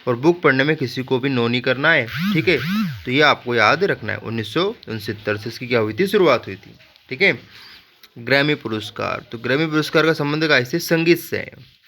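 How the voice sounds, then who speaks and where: A male teacher walks students through memory tricks for a general knowledge lesson. His voice is bright and forceful, and he often breaks off into joking asides. He keeps checking in with the class as he goes. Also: mid-range voice, brisk, slight background noise. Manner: repeats "ठीक है" as a check-in.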